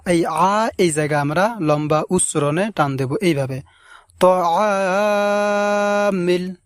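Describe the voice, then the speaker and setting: A man teaching recitation, stretching each word slowly and repeating it, with quicker explanations between. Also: on the high side, no echo, clean studio sound. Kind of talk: recitation lesson.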